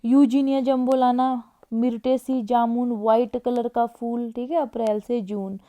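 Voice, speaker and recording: A woman teaching an exam-prep lecture in a casual way, often checking in with her class and reading plant names slowly. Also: fairly high pitch, level tone, mellow. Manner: casual, repeats "ठीक है", reads Latin names slowly.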